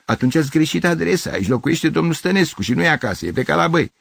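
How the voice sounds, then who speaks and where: An older man voicing a gruff neighbor woken at night, hoarse and shouting. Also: on the high side, animated, dry recording, clean studio sound, pitched above the performer's own voice, heavily acted. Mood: irritated.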